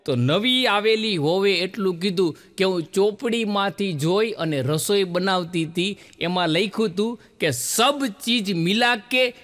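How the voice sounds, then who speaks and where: A man's voice: high voice, normal speed, hardly any pauses, in a large hall. A man with a Gujarati accent telling jokes on stage, acting out the voices in his stories. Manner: animated storyteller, acts out quoted voices. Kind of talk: stand-up joke telling.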